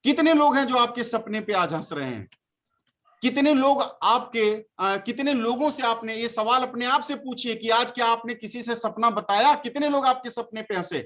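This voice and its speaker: A man's voice: very high voice, moderate pace, a bit bright. A man who leads a network marketing team gives a motivational speech to a meeting. He exhorts and scolds his listeners with a stream of rhetorical questions.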